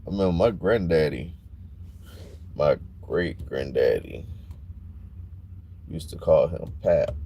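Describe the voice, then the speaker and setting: Low, dark-voiced man. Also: slow pace, pauses often, husky. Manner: blunt, plain-spoken, animated when worked up. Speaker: livestream host. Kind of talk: casual livestream talk.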